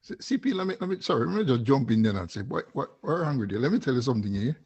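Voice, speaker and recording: Man, Vincentian accent, raspy husky tone, casual storytelling, repeats himself, muffled lo-fi sound. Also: mid-range voice, lively intonation, rapid-fire, darkish tone. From Saint Vincent and the Grenadines.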